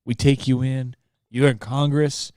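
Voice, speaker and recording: A man's voice: mid-range voice, level tone, unhurried, darkish tone, no room sound. Dry-sounding man, crude and wry. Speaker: co-host. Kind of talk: casual comic banter.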